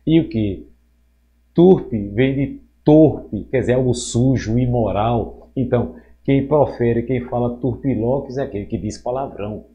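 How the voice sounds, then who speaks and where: A male teacher giving a recorded school lesson, lively and joking, acting out quoted voices. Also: mid-range voice, a little slow, lo-fi sound.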